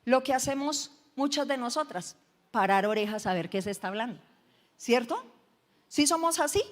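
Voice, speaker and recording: A woman pastor with a Colombian accent preaches in a high voice, retelling a story with humor and chatty asides to her congregation. Her voice echoes with a long reverb through the church hall. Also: expressive, moderate pace. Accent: Colombian Spanish. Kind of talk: sermon.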